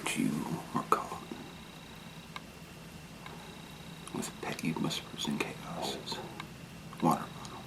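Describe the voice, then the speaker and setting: A person in a whispered role-play, playing a calm detective who questions a suspect with deliberate mock sympathy. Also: a bass voice, creaky, recorded from a distance, heavily acted, low-quality recording. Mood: coolly probing.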